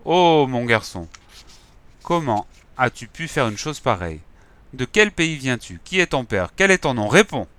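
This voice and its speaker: A man doing a slow, stern old king. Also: medium pitch, sing-song, a bit bright, no room sound. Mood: demanding.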